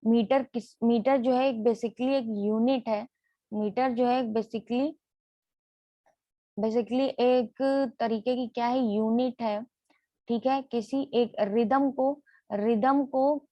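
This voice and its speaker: A woman teaching literary terms for an exam, who reads each definition slowly, then explains it, repeating key words and asking and answering her own questions. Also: fairly high pitch, fairly even intonation, no echo, lo-fi sound.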